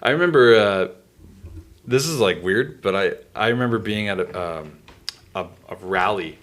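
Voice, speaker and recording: A man from northwestern Ontario hosts a casual interview in a very deep voice. He rambles, restarts his sentences and leans on fillers as he feels his way through a question. His low register and loose, halting delivery give an easygoing chat. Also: animated, a bit bright. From Northwestern Ontario, Canada. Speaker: podcast host.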